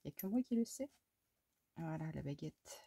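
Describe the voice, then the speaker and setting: Woman from france, low husky voice, casual crafting vlog, chatty, mutters and talks to her cat. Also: expressive, normal speed, mellow. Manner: chatty, mutters to herself and exclaims at mishaps; talks fondly to her cat between steps. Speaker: scrapbooking crafter.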